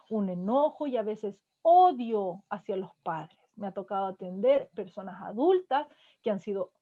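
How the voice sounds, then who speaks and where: A woman's voice: mid-range voice, darkish tone. A woman counselor giving a parenting lecture to an audience, checking in with her listeners again and again through short tag questions. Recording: dull lo-fi sound.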